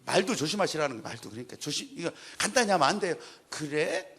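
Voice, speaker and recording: A male pastor preaching with animated drama, acting out the scenes he tells. His voice sits high and bright, leaps across a wide pitch range, and has a husky grain. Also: rapid-fire. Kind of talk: sermon.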